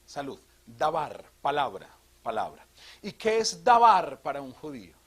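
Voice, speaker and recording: A man from Colombia, a priest, giving an animated theology talk to a live audience, asking questions and joking. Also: fairly high pitch, moderate pace. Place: retreat hall.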